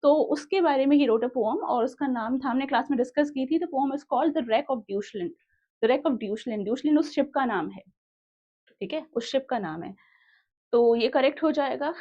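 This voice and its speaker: A woman's voice: high voice, expressive, warm tone, muffled recording. A young Indian woman teaching an online exam-prep literature class, mixing Hindi and English and reading questions aloud. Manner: switches between Hindi and English, reads questions aloud slowly.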